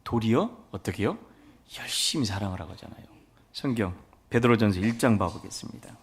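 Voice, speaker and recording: A man's voice: lowish voice, animated, brisk, husky. A man preaching a sermon as a pastor, telling folksy stories and acting out family dialogue. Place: church sanctuary.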